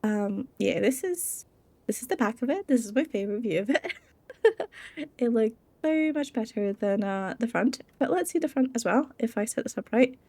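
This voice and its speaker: A young woman talks her way through a building game in a loose, rambling way, laughing often and joking at her own expense. She sounds worn out, and her voice sits a little high for a woman. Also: lively intonation, moderate pace, a little mellow, no echo. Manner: giggly, rambling and self-deprecating. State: tired. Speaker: Minecraft let's play creator. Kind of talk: casual gameplay commentary.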